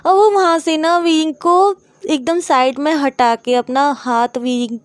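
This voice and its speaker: A woman's voice: high voice, steady tone, measured pace, no echo. A woman retelling a romance story in a chatty, casual way, sprinkling in filler words and English terms. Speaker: fan fiction storyteller.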